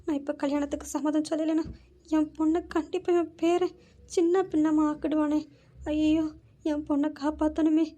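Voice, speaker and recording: A woman's voice: high-pitched, flat delivery, moderate pace, dark tone, lightly acted. A woman voicing a timid middle-aged housemaid mother who pleads hesitantly with her employer. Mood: pleading.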